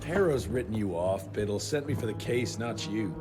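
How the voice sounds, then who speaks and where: Man doing gruff vampire hunter, short blunt lines, heavy music. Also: on the low side, lively intonation, normal speed, close to an everyday voice. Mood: contemptuous. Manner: terse, dry, insulting. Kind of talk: video game cutscene acting. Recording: game audio with loud score behind.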